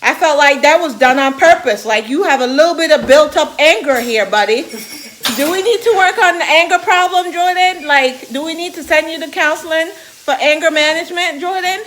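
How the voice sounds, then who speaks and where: Speaking at a normal speed in a high-pitched voice, a woman with a Jamaican accent vlogs as a mom, spinning animated stories with plenty of sass and teasing for her viewers. Slight background noise can be heard.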